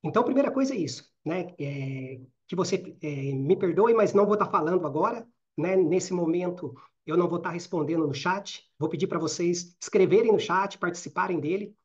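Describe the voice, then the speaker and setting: Middle-aged Minas Gerais man as trainer in a live online session: rapid, informal, checking in with the audience, muffled lo-fi sound. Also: sits high, darkish tone. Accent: Minas Gerais Portuguese. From Brazil. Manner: talks fast, with frequent "né?" and "certo?" tags. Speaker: career and networking trainer. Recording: slightly dull lo-fi audio.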